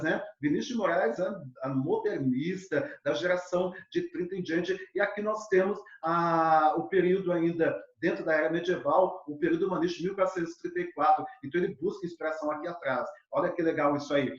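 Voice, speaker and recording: Guy teaching lit, kinda high voice, echoey muffled room. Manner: lively, full of fillers, addresses students directly. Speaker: literature teacher. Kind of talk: recorded exam-prep lesson. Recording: echoey, dull lo-fi room sound.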